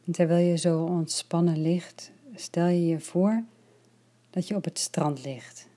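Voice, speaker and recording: A woman leading a guided relaxation meditation, speaking slowly and softly, at times in a whisper. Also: on the low side, steady tone. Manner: slow, soft and soothing, partly whispered.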